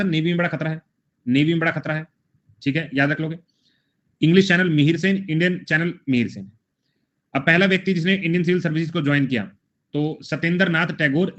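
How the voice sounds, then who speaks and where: A man's voice: medium pitch, fairly bright tone, muffled recording. A man teaching a general knowledge class, repeating memory tricks and calling on his students as brothers. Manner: drills mnemonics with repetition, addresses students as brothers. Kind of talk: live online GK class.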